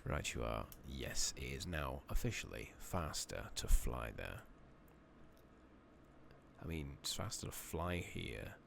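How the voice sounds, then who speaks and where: Over some background noise, a gaming channel host gives a soft-spoken ASMR playthrough in a very low voice thick with vocal fry. He murmurs to himself at an unhurried pace, his hushed tone rising and falling in a lively way and sometimes slipping into a whisper.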